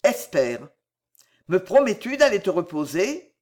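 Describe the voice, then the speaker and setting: A reader voicing a small, devoted young man in an audiobook, who speaks softly and simply. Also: medium pitch, very animated, measured pace. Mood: tender. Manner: soft, tender, simple. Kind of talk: audiobook character voice.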